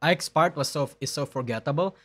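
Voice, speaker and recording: A man's voice: on the high side, brisk, a bit bright. A man hosting a reaction stream with casual, conversational commentary.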